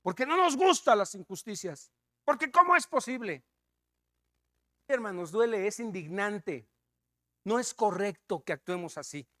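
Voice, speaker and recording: Animated Mexican man preaching a sermon. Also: sits high, normal speed. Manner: storytelling, animated, swinging between loud emphasis and hushed asides.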